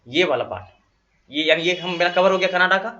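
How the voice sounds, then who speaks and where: A man teaching a classroom geography lesson, dictating notes slowly and quizzing his students with repeated questions. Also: sits high, sharp tone. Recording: dull lo-fi classroom recording.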